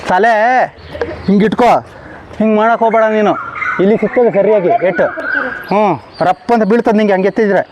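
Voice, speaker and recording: Guy coaching kids boxing outside, high voice, counts reps and yells orders, noisy background. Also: steady tone, brisk, highs cut off. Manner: barks commands and counts reps; scolds and praises kids bluntly. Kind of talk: live training class. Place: outdoor training ground. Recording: noisy outdoor recording.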